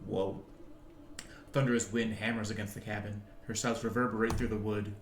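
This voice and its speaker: A man's voice: on the low side, normal speed, a little hiss or hum. Man reading game text in an echoey room. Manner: chuckling, animated reading. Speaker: streamer reading a game aloud. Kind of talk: reading game narration aloud.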